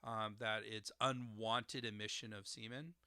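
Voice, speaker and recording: A man's voice: on the low side, flat delivery, measured pace, pushed and bright, clean tone, no echo, studio quality. A man hosting an educational podcast, carefully explaining terms, spelling out words and tones, with frequent uhs. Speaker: podcast host explaining herbal formulas.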